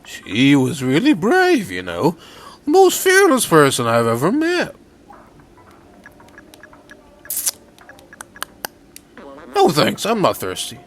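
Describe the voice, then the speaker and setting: A forlorn, high-pitched robot with a creaky old-man voice, as a gamer reads him aloud swings its pitch widely, sighing through every sentence of game dialogue. It sounds lonely and worn out, with a cracking, mournful tone. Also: huge pitch swings, a little slow, a bit bright, a little hiss or hum, exaggerated voice. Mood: wistful.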